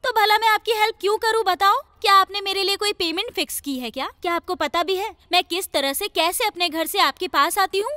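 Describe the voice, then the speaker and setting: Cheeky young psychiatrist, very high voice, bright tone, dry studio sound, chatty. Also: female voice, fairly quick, few pauses, no echo. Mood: teasing. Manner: chatty, teasing, talkative. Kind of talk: Hindi film dub. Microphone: studio dubbing mic.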